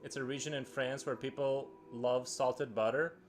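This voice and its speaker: A man's voice: medium pitch, steady tone, normal speed, slight background noise. A man chatting casually on a live stream while he draws, thinking aloud with frequent restarts and filler words. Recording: faint music underneath.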